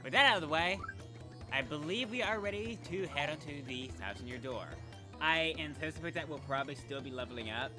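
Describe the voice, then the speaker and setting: On the high side and a little fast, the man's voice has lively intonation. He's a let's play gamer casually rambling through commentary on his game, often revising himself mid-sentence, with game music behind.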